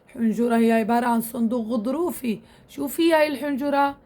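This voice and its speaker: Woman, recitation teacher, quick, higher-pitched, repetitive check-ins. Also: steady tone, warm tone. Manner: repetitive, checks in with "tamam?" often. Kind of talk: casual instructional talk to women students.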